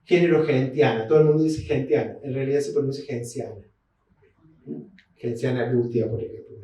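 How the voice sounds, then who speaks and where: A man with an Argentine accent giving a seminar lecture. He explains terms slowly, spells them out syllable by syllable and checks in with listeners through short tags. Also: medium pitch, fairly even intonation, mellow. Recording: very echoey hall, mic far off.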